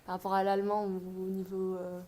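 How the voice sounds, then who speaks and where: Quick-talking young student with a mellow, flat delivery, radio guest. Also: female voice, medium pitch. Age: young adult. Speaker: language student. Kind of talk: radio interview answers.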